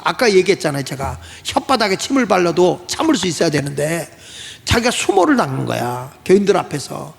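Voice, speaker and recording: High gravelly pastor in a reverberant hall. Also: male voice. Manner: animated, acts out quoted voices. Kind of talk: storytelling sermon.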